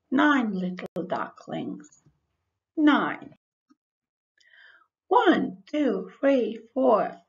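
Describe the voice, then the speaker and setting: Very slow Croatian-accented woman teaching children. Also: fairly high pitch. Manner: simple repeated phrases with pauses, instructing young children. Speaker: primary school English teacher. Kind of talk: children's counting lesson, like a kids show host. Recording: dull lo-fi voice-over.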